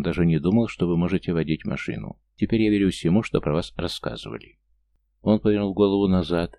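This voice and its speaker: A man reading a thriller aloud as an audiobook narrator, in a steady, restrained way with clipped dialogue. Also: low voice, vocal fry.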